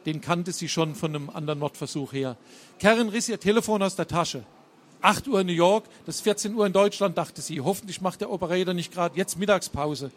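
A man reading and retelling a thriller, halting with many fillers and self-corrections. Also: sits high. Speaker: storyteller.

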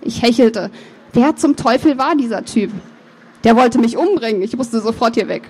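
Woman author doing a reading of her book, first person, steady and expressive, a few slips. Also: fairly high pitch, normal speed, breathy edge.

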